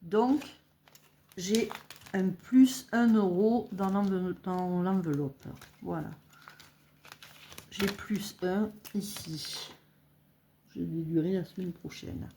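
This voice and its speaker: A middle-aged woman chatting casually as she fills budget envelopes, counting money aloud and thinking out loud with little hesitations. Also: on the low side, slow pace, long pauses, slight background noise. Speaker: budgeting vlogger. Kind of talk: casual talk while filling cash envelopes.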